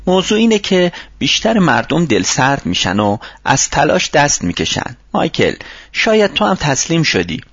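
A man's voice: a little high, very animated, fairly bright tone, slightly rough, dry recording, lo-fi sound, voice pushed up, full character voice. A man reading a storybook, voicing a kindly older mentor who runs a workshop and gives patient advice. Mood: advising. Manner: patient, advising tone.

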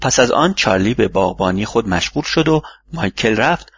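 Steady male audiobook narrator, husky, dull dry recording. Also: lowish voice.

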